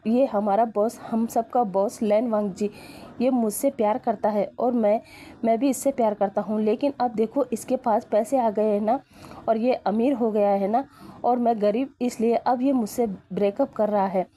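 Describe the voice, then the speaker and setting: A woman's voice: fairly high pitch, steady tone, moderate pace, mellow, slight background noise, close to an everyday voice. A woman voicing a theatrical young man who pleads and schemes. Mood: defiant.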